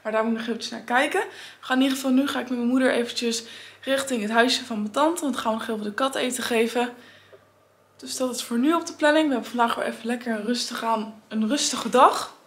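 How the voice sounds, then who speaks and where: Teenage girl, vlog chat, slightly high voice, upbeat and chatty, phone camera. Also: fast. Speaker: family vlogger.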